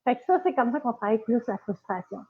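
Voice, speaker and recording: A woman's voice: a little high, animated, fast talker. A woman with a Quebec French accent, giving a casual live-stream lesson as a dog trainer, chatty with many fillers and restarts. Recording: tinny phone-like audio.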